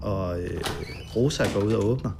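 A man's voice: lowish voice, creaky, heavy background noise. A man recounting a past night in a documentary interview, hesitant and full of fillers.

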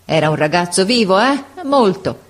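A woman's voice: mid-range voice, expressive, moderate pace, close to an everyday voice. A woman voicing a frail old schoolteacher. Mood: warm, nostalgic. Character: frail old male schoolteacher, gentle, wistful. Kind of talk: audiobook character voice.

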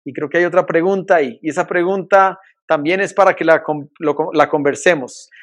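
A pastor preaching a conversational sermon over a video call, often asking rhetorical questions. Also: male voice, on the high side, fairly quick, a bit bright, dull audio. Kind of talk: online sermon.

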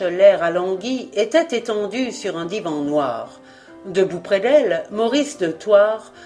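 A woman reading a novel chapter aloud as an audiobook narrator, with measured, expressive delivery. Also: medium pitch. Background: faint background music.

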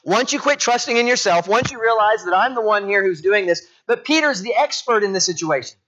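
Brisk and lively in his intonation, a male pastor with a high, slightly bright voice tells personal stories during his sermon and asks the congregation rhetorical questions. He is a native English speaker with a conversational storytelling style, and the recording sounds dull and lo-fi.

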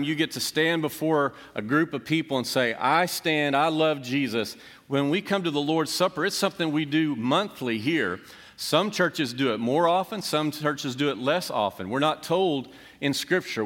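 A man delivers a sermon at an ordinary middle pitch, as a pastor. He stumbles into restarts and slows deliberately on quoted words. His voice rings with the long reverb of a church sanctuary. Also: a bit bright. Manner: restarts and self-corrections.

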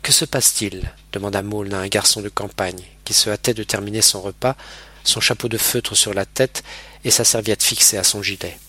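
A man narrating a classic novel as an audiobook in a measured, even reading. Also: lowish voice.

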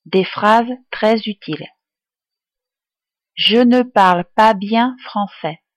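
Woman reading learner phrases really slowly, careful clear diction, dry recording. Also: medium pitch, no room sound. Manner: clear, careful, deliberate enunciation. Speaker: language tutor.

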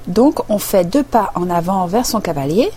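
A woman voicing an excitable male griffin in a storybook reading, shouting out dance steps. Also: mid-range voice, moderate pace, a little hiss or hum, lightly acted. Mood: eager.

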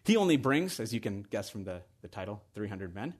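A man preaching a sermon in a conversational way that builds to excited emphasis. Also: fairly low pitch, fairly quick, slightly rough.

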